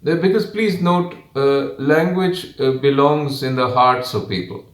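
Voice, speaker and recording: A man with a Kannadiga Indian English accent, a native Kannada speaker, giving his opinion as a television guest in measured, emphatic phrases with frequent pauses. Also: medium pitch. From Karnataka, India. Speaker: guest commentator. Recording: roomy, echoing sound.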